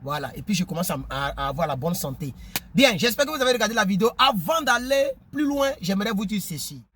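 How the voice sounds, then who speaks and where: Animated man vlogging to subscribers. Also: high voice, fast talker, a little hiss or hum. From Ivory Coast. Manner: animated, preachy, repeats words while searching. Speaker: YouTuber. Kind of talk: casual vlog to subscribers.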